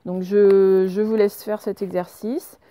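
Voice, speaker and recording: A woman gives a reading lesson to young children, saying words slowly and clearly and spelling out sounds. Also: mid-range voice, little pitch movement, warm tone, dry recording. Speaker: teacher.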